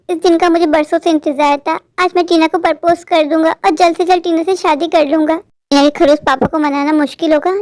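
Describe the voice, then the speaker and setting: A woman's voice: sits high, darkish tone, dry recording, lightly acted. Rahul, a woman voicing a lovestruck young crow. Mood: excited. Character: lovestruck young male crow, eager and anxious. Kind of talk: cartoon voice acting.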